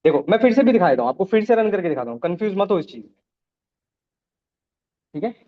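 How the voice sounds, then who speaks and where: A programming teacher with a fairly high, sing-song voice runs a live coding class, talking fast as he walks through each step and keeps checking that his students follow. The recording is dull and lo-fi.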